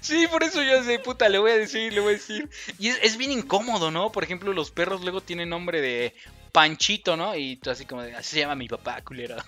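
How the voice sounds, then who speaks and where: Young Mexican male co-host, bright slightly high voice, slangy and playful, faint music bed. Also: lively intonation, fairly quick. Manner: slangy, joking, laughs often. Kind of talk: casual podcast chat.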